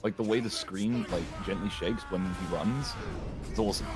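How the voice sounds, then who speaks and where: A man giving casual, informal commentary on a video game, with some swearing. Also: sits low. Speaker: gaming co-commentator. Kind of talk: casual gameplay chat.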